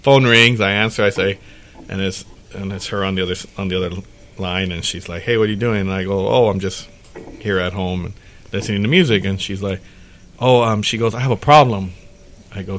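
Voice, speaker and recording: A man with a fairly low voice hosts a casual podcast chat. He tells a long, rambling story and acts out each line of dialogue as he goes. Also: normal speed, fairly bright tone. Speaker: podcast host.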